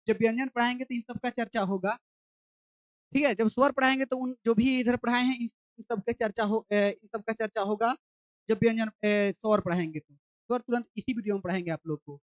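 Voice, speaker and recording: A woman's voice: fairly high pitch, no room sound, lo-fi sound. A woman teaching an online grammar class, asking questions and answering them herself, stretching out the vowel sounds as she chants them.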